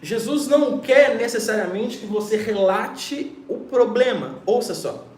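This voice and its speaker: Guy pastor giving a bible class, high voice, emphatic preachy teaching, echoey room. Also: expressive, unhurried. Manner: emphatic, keeps checking in with "ok?", calls listener "filho". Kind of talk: preaching lesson.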